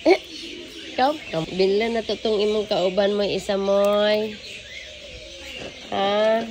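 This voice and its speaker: A woman's voice: medium pitch, steady tone, takes it slowly, background noise. A woman vlogging on a zoo visit, cooing and baby-talking to the animals as she films outdoors. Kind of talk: casual zoo-visit vlog commentary. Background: birds, roosters and outdoor ambience.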